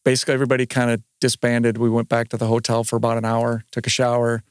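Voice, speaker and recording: A man guesting on a running podcast, telling stories in a casual, animated way. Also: medium pitch, fast talker, smooth, no echo, studio quality. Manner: animated anecdote-telling with quoted voices. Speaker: podcast guest, marathon runner. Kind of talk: casual storytelling chat.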